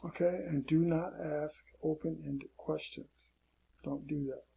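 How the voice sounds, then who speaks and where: A man's voice: on the high side, fairly even intonation, measured pace, gravelly, dark tone, slightly rough. A man teaching an online marketing lesson in a loose, casual way, often saying "okay" and repeating his warnings. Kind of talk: casual screen-share tutorial.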